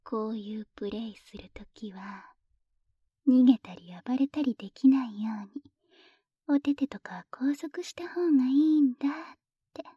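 A woman voicing a playful, teasing young lover in an intimate audio drama, whispering softly close to the microphone. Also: a little high, moderate pace, husky, no echo, dull audio. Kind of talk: intimate whispered ASMR roleplay.

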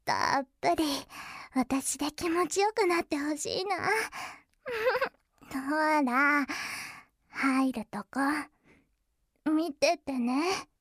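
A woman's voice: sits high, no room sound, studio quality. A woman playing a giggly, teasing adult younger sister. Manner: soft, slow, teasing, with frequent giggles. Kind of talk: intimate audio role-play.

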